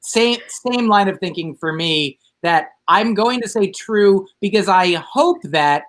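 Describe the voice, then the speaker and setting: A man playing as a comedy game contestant over a video call, rambling with deadpan jokes. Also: sits high, slow. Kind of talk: casual comedy banter.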